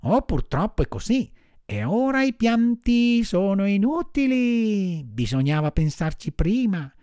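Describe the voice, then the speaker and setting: A man voicing a kind little female marmot in an audiobook, speaking in a soft, sorrowful, consoling way. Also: sits high, sing-song, unhurried, smooth, no room sound, clean studio sound, pitched above the performer's own voice.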